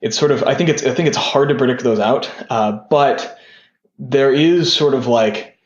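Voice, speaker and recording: In casual interview talk, a young man who founded a tech company speaks as a podcast guest at a normal speed, meandering and peppering his speech with "like" and "sort of." The audio is lo-fi and dull, and his medium-pitched voice has a roomy quality.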